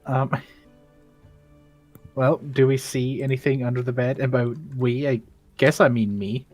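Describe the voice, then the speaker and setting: A man's voice: medium pitch, steady tone, a little slow, a little mellow, soft background music. A man playing a tabletop role-playing game, chatting casually and playfully as he decides on his moves.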